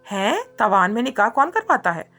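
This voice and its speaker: A woman voicing an excitable young female friend who asks eager, curious questions in a read-aloud story. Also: mid-range voice, normal speed, gravelly, soft background music.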